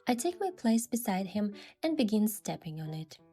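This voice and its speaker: Her husky, dark-toned voice is medium in pitch, with big pitch swings and a moderate pace. She is the narrator and lead of a game event story, giving scripted first-person narration and acted dialogue over background music.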